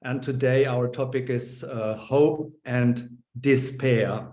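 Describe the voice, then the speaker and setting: Male webinar host, slow and hesitant, echoey room over a video call. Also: medium pitch, fairly even intonation, dark tone. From Germany. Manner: halting, with many fillers and restarts.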